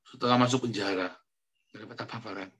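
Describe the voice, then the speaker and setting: Man, pastor, sermon, colloquial and chatty, addresses the congregation, self-mocking, sudden loud bursts. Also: on the low side, steady tone, fast. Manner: swings from quiet asides to sudden loud outbursts; self-mocking, laughs as he talks.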